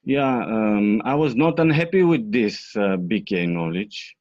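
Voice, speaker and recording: Bulgarian guy answering questions, slow and halting, lowish voice, dull lo-fi sound. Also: lively intonation, darkish tone, no echo. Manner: hesitant, many fillers. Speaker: interview guest. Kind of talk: interview answers.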